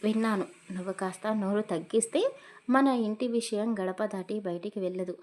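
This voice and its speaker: A woman voicing a calm older village farmer and father who speaks quietly and reasons with his wife. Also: medium pitch, moderate pace, close to an everyday voice.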